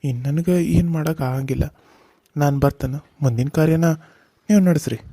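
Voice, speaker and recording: A grave, kindly village doctor, voiced by a man for a cartoon serial. His voice is dark and mellow yet sits fairly high, and the delivery is slow and measured. The sound is dry and close. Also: no echo. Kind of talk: Kannada cartoon serial voice acting.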